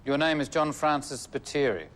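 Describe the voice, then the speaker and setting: Male barrister played by an actor, formal and precise, slightly high voice. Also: normal speed, a bit bright, slight background noise, natural voice. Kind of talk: film drama acting.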